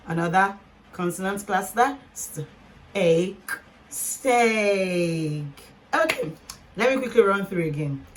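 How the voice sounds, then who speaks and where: A woman's voice: medium pitch, a little hiss or hum. A woman teaching a phonics lesson, patiently sounding out words letter by letter and talking straight to her learners.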